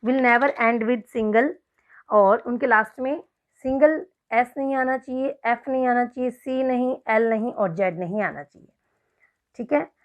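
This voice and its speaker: A woman teacher with an Indian accent walks through spelling rules in an online class, mixing Hindi and English. She talks very slowly and spells each word out letter by letter in a fairly high voice. The recording sounds muffled and lo-fi. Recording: dull lo-fi recording.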